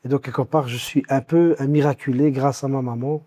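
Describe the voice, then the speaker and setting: A Belgian-born man in his fifties, recounting his life story as an interview guest, with many pauses and restarts. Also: medium pitch, steady tone, mellow. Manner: hesitant, many fillers and restarts.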